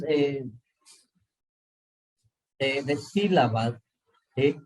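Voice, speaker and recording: A middle-aged man teaching a class over a video call, explaining slowly, repeating points and checking often that students follow. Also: fairly high pitch, breathy edge, poor audio. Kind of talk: online class lecture.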